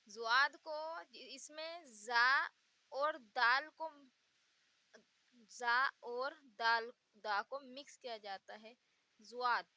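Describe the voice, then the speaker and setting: Woman teaching letter sounds really slowly, bright voice, dry close recording. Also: high voice, no echo. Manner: patient, repeats each letter sound with examples. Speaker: Urdu teacher. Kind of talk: slow letter-by-letter pronunciation lesson.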